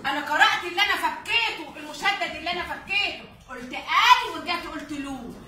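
A woman teacher with an Egyptian Arabic accent, her voice very high and bright, patiently drills her pupils with question after question. The sound comes from a distance, with the heavy echo of a bare classroom around it. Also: fast, slight background noise. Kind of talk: classroom reading lesson. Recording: echoey classroom, distant mic.

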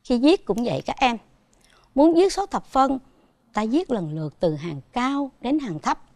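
A woman's voice: a little high, sing-song, unhurried, vocal fry, a little mellow, no echo. A woman with a Southern Vietnamese accent teaching a televised primary school math lesson, patiently asking her pupils questions as she goes.

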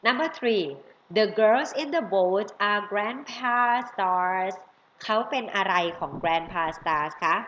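A woman's voice: mid-range voice, drawn-out words, a bit bright. A woman with a Thai accent teaching children English family words, coaxing them and drawing out each English word. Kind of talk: bilingual vocabulary lesson for kids. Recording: roomy, slightly dull audio with faint noise.

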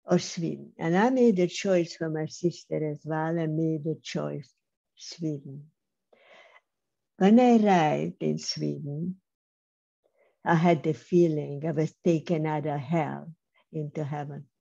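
An older woman, a Holocaust survivor, gives a slow, measured, emphatic personal testimony from a room at home, pausing often as she speaks. Her voice is low, creaky and mellow. She is heard through a webcam mic on a video call, and the audio is slightly dull and lo-fi.

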